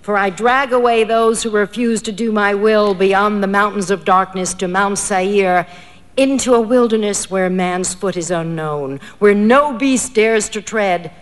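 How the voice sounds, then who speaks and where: A woman reading a story voices a man posing as a demon, speaking in a hollow, booming, threatening way. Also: a little slow, in a large hall, close to an everyday voice. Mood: menacing.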